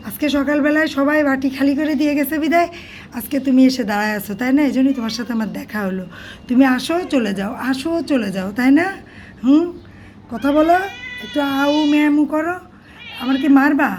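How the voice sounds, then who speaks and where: A woman with a high but hoarse, worn voice coos at her cats in soft, repetitive baby talk. She keeps calling them over and fussing over them. The recording is noisy, with a steady hiss behind her. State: hoarse, voice partly lost. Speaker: cat caretaker vlogger.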